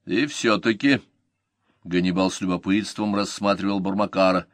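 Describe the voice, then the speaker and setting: A man narrating a historical novel with expressive, varied intonation. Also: low voice, normal speed, no echo, studio quality. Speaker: audiobook narrator. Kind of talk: literary audiobook narration.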